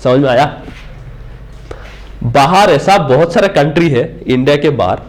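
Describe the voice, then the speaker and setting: A man's voice: a little high, expressive, measured pace. A middle-aged man teaching a classroom lecture, talking straight to his students and checking again and again that they follow. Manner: explains with many "ठीक है?" checks, addresses students directly. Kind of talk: classroom lecture mixing Hindi and English.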